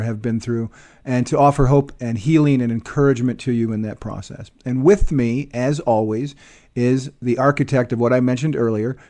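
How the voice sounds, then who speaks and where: A man hosting a podcast, talking directly to the listener and reading out a guest's bio. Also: mid-range voice. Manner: steady, addresses the listener directly. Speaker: podcast host.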